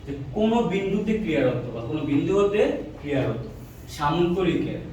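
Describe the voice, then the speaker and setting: A man teaches physics in a quick, high voice, quizzing his class and echoing their replies. He sounds distant from the mic, in a room with heavy echo. A faint ambient hiss sits behind him. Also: very animated, a little mellow. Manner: drills students with repeated questions, answers himself. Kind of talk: classroom lecture with call-and-response. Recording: echoey room, mic far off.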